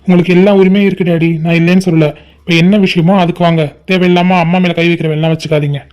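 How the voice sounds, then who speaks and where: A man plays a young cartoon son who stands up to his father, firm and defiant. The voice sits fairly high and sounds mellow. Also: little pitch movement, racing, clear, resonant tone, lightly acted. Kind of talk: cartoon family drama voicing.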